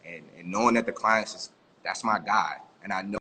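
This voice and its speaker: A man's voice: lowish voice, a little fast, slightly rough. A man from the DC in a casual interview, his voice breaking up over a bad call connection. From Maryland, USA. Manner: relaxed, rambling, many restarts. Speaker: photographer guest.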